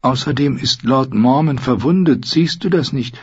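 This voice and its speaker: A man's voice: medium pitch, moderate pace, darkish tone, husky, highs cut off, voice pushed up. A man reading an audiobook voices a fearful, self-doubting young man with an anxious, pleading manner.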